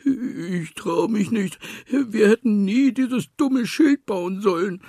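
A man doing a squeaky, fretful little piglet. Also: a little slow, gravelly, darkish tone, dry recording, studio quality, heavily acted. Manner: whimpering, fretful. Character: timid anxious little piglet, whiny and squeaky. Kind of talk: storybook reading.

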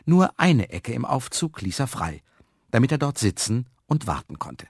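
A man reading a children's story aloud, expressive and lively. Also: medium pitch, normal speed, slightly rough, no echo, studio quality.

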